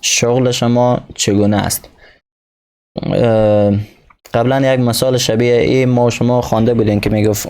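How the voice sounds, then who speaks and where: Man, English teacher, gravelly, mellow tone, slow English examples, quick explanations. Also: fairly low pitch. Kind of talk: recorded lesson explaining a textbook.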